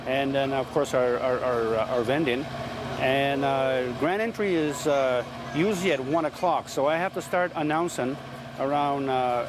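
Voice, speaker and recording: A man who works as a powwow emcee, explaining things haltingly in a casual interview, often repeating words. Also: medium pitch. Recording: clear outdoor background noise.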